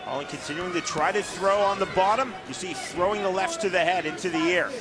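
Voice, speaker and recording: High-pitched man calling a live fight. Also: brisk, noisy background. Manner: crisp announcer delivery in short clipped calls. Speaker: play-by-play fight commentator. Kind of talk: live MMA commentary. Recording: loud crowd and music behind broadcast mic. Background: arena crowd and music.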